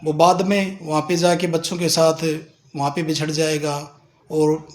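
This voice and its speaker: A man with a high voice speaks earnestly to parents, giving advice in a plain, informal way. He is middle-aged and often reels off numbers as he makes his case. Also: flat delivery, a little slow. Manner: earnest, advising, reels off figures. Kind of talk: informal address at a protest.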